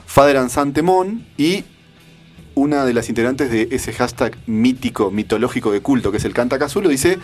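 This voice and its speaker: A man's voice: medium pitch, expressive, moderate pace, faint music behind. A man hosting a casual radio show, chatty and joking as he reads out listener messages. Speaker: radio host and criminology lecturer.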